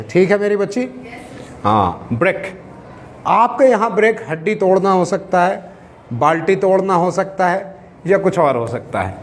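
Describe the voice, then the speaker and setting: Fairly high-voiced man teaching a class. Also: slight background noise. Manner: explains slowly with repeated examples, asks the class questions. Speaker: English teacher. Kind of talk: classroom lecture.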